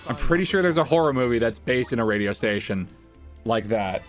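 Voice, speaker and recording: A man who works as a streamer and voice actor, chatting excitably to viewers on a livestream and often repeating his phrases. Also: mid-range voice, a little fast, soft background music.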